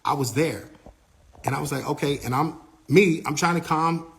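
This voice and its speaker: A young adult man in casual storytelling, animated, repeating himself and acting out what others said. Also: a little high, brisk, creaky. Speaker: manager telling a story.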